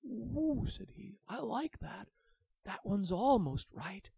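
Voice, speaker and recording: A man's voice: high voice, takes it slowly, gravelly, husky, no echo, pitched above the performer's own voice, exaggerated voice. A man voicing an eager, hopeful young male dragon in a spoken story. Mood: delighted. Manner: earnest, gets excited.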